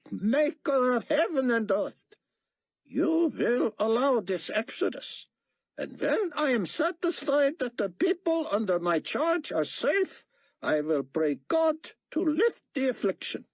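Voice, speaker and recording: A man voicing a stern older male prophet who speaks in a solemn, declamatory, measured way, in a raised voice. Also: very high voice, breathy edge, dry recording, pitched above the performer's own voice, full character voice.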